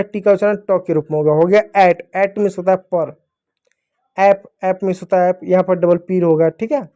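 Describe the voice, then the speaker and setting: A young man teaches small children how to read, his voice pitched high yet soft and mellow. He goes patiently, posing each rule as a question and then answering it himself. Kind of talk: phonics lesson for young children.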